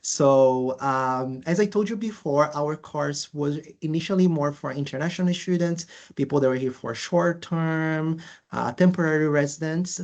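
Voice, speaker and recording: This language school presenter, from Brazil and speaking with a Brazilian accent, explains course details in a webinar. The voice is medium in pitch with a darkish tone, the sound lo-fi, and the speech halting with many uhs and restarts.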